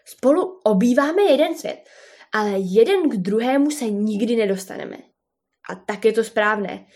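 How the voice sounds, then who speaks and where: A woman's voice: expressive, a little mellow. A woman voicing a boisterous, scornful male bear in a storybook reading, scoffing and mocking. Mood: sneering. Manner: booming laughter, scoffing.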